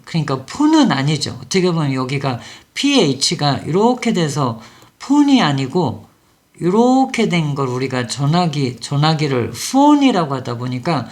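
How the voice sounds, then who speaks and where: A phonics teacher talks through a pronunciation lesson in a patient, step-by-step way. The pitch rises and falls freely, and the delivery is loose and conversational, with fillers between points. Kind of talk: explaining a lesson.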